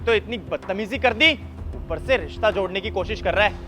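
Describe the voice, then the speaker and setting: A man's voice: high-pitched, a little fast, pushed and bright, soft background music. A young man playing an arrogant diner who talks down to a waiter with contempt. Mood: scornful. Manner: scornful, bullying, contemptuous. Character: arrogant young man on a first date, rude to staff. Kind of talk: web short drama acting.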